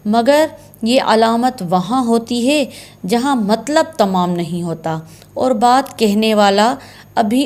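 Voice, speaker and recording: A woman's voice: medium pitch, darkish tone. A woman teaching Quran recitation signs in a patient, step-by-step way, repeating key terms. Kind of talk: slow explanatory lesson.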